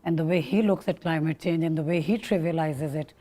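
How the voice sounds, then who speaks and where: A woman's voice: deep voice, a little fast, mellow. A woman hosting a casual talk show discussion, making emphatic points and rephrasing as she goes.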